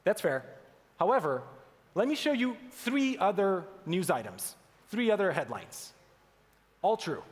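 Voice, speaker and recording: A man from Portugal gives a keynote talk on a conference stage, his voice sitting slightly high for a man. He delivers it in an animated way. The sound carries the long reverb of a large event hall. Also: a little slow, pauses often. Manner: animated, reads out mock headlines. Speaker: conference speaker.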